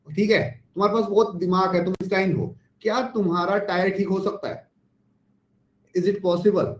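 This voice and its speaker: Animated Indian man teaching online. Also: high voice. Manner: rhetorical questions, mixes Hindi and English. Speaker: online test-prep teacher. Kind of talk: live online class lecture. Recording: echoey, dull lo-fi stream.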